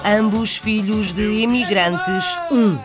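A woman's voice: medium pitch, slow pace, music in the background. A woman presenting a news magazine with scripted narration.

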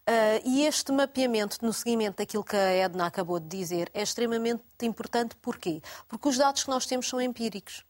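A woman's voice: a little high, fairly quick, few pauses, a little mellow. A woman guest on a TV talk show from Portugal, earnestly explaining a point. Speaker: association president, studio guest. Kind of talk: TV studio interview.

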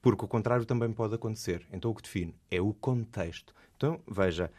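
A man's voice: on the low side, quick pace, darkish tone. A man with a European Portuguese accent, a voice coach explaining speech habits in a radio interview, in a teacherly way. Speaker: guest voice coach and singer.

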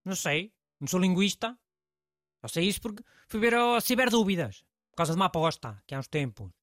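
A man's voice: high-pitched, very animated, fairly quick, fairly bright tone, no echo, studio quality. A man with a European Portuguese accent, playing a blunt know-it-all male host in comic scripted banter, offhand and teasing. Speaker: show host.

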